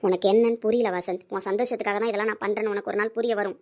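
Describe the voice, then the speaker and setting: A woman playing a young woman in love who answers quietly and with resignation in an audio drama. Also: mid-range voice, fairly even intonation, very fast, voice pushed down, natural voice. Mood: sad.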